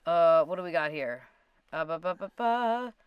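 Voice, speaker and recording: A woman's voice: on the low side, animated, moderate pace, clean tone, no echo, muffled recording. A woman co-hosting a casual livestream chat, talking informally with lots of "like" as she reads out audience questions. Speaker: co-host reading audience questions.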